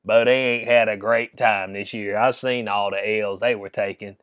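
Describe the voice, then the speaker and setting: A man's voice: lowish voice, little pitch movement, moderate pace, dry recording, muffled recording. A man with a Southern US accent giving a casual, comedic sports rant in an incredulous, slangy, chuckling manner. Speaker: commentator.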